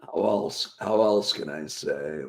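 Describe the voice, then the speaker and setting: Very deep and darkish, with vocal fry, the host's voice moves slowly as he runs a casual live chat show. Though he's losing his voice, he keeps chatting, rambling, and reading viewers' comments out loud.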